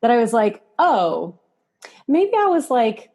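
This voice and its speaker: A slow, sing-song voice, a little high with a darkish tone, belongs to a woman in her thirties guesting on a podcast. The musician and hairstylist chats casually, candid and giggly, peppering what she says with "like".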